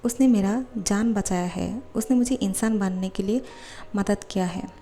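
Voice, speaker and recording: A woman voicing a shy young man who muses quietly to himself, lovesick and unsure. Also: medium pitch, normal speed, lightly acted. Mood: wistful. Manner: quiet musing inner voice.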